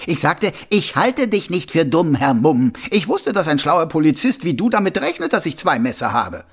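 A man voicing a smug, cruel male killer in an audiobook, with a high, sneering voice and giggles. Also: very animated, normal speed, husky, full character voice. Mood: gleeful. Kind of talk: audiobook character voice.

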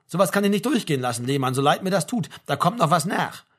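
A man's voice: fairly high pitch, expressive, fast, a bit bright, husky. A man voicing a stern, brusque middle-aged male army major. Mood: scolding.

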